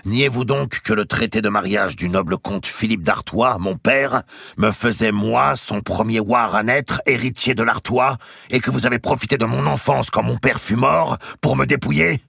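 A man voicing a proud, hot-tempered nobleman in an audiobook, declaiming loudly and formally. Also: medium pitch, unhurried, vocal fry, slightly rough, no room sound, clean studio sound, pitched above the performer's own voice, full character voice. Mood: indignant. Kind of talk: audiobook character voice.

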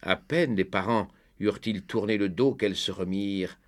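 A man narrating a children's storybook tale in a lively, expressive reading. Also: fairly low pitch, normal speed. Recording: faint background music.

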